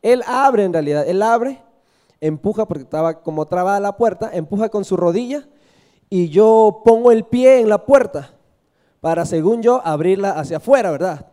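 A man's voice: high voice, expressive, normal speed, warm tone. A man from Peru preaching a sermon, telling a personal story and asking the congregation questions, often adding "¿verdad?".

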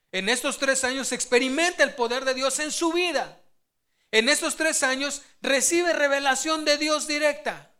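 A preacher delivering a sermon to the congregation with a bright, sharp tone. The story comes out animated, with quoted lines acted out in sudden vivid jumps. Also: high voice.

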